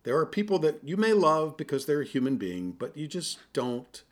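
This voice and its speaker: A man's voice: a little high, sing-song, moderate pace. A man co-hosting a podcast in casual chat, talking in a self-deprecating way and often laughing. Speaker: podcast co-host.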